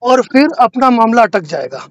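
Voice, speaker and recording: On a dull, lo-fi phone call, a man acting as a lawyer explains a loan default, persuasive and insistent as he keeps asking to be heard. His voice is very high-pitched, sing-song and creaky, at normal speed with no room sound.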